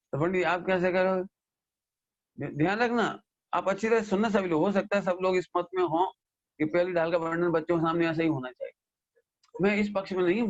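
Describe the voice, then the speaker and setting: A man gives a lively scripture discourse, scolding and questioning his listeners. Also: high-pitched, muffled recording. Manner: animated, scolding, mimics listeners and asks them questions. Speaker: Jain scholar giving a scripture discourse. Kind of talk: sermon.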